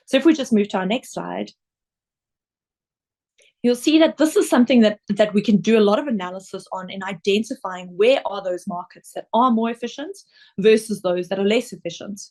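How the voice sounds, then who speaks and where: A South African-accented woman speaks at a medium pitch with a somewhat dark tone, presenting slides in a webinar as an investment director. She explains in a measured way, using the occasional um.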